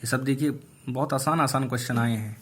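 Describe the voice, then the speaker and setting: A male English teacher going through exam questions one by one, reading each aloud slowly and explaining the answers. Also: mid-range voice, a bit bright, slight background noise. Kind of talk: online exam answer review.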